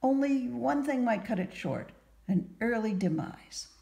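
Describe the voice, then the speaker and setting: A woman's voice: a little high, expressive, unhurried, gravelly, dark tone, voice pushed up. Woman reading as a sly male fortune teller. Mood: slow, sly. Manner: confident, pronouncing, drawn out.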